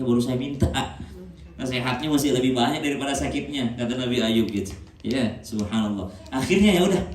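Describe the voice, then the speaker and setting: Animated preacher in echoey room. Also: male voice, mid-range voice, slight background noise. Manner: animated storytelling, acts out quoted voices. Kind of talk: sermon. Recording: echoey room with faint ambience.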